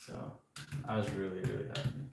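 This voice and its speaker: Brief: 18-year-old guy, low gravelly voice, loose chatty livestream talk, echoey room with clicking behind. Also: brisk. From Netherlands. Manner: relaxed, hedging with filler phrases. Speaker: streamer. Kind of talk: casual livestream chat. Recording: echoey room, far from the mic, clicking noise.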